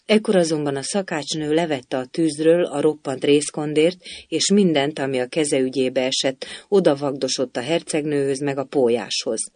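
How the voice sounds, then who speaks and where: A man reads a storybook aloud at a measured, steady pace. His voice sits a little high for a man, and the recording is dry and close with no room sound. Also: no room sound. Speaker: audiobook narrator. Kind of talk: storybook narration.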